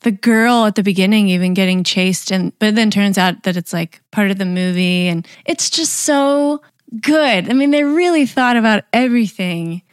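A woman's voice: medium pitch, expressive, moderate pace, clear, resonant tone, dry recording, studio quality. A woman co-hosting a music podcast, chatting enthusiastically about songs. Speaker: podcast co-host. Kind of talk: casual chat.

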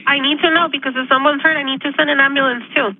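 A woman dispatcher from a sheriff's office speaking over the phone, calmly and persistently asking questions. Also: high-pitched, quick pace, no room sound. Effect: heard over a phone line. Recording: tinny phone line with faint noise.

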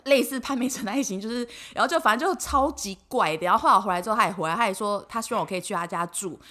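A woman's voice: mid-range voice, racing, fairly bright tone. A woman in her twenties with a Taiwanese Mandarin accent, co-hosting a podcast and telling her own story candidly, acting out the lines of the people in it. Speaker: podcast co-host. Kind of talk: casual chat.

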